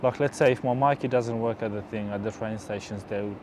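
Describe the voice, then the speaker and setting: A young Afghan man in his twenties, an engineering student, chats casually in a documentary interview, using many fillers. His voice is lowish and steady and he speaks fairly quickly against a noisy background.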